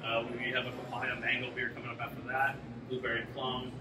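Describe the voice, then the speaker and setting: A man's voice: medium pitch, brisk, heavy background noise. A man, a brewmaster talking casually in an interview with lots of fillers. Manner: relaxed and chatty, many fillers. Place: brewery taproom with concrete block walls. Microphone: camera mic from a few meters away. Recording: echoey room, distant mic, loud music.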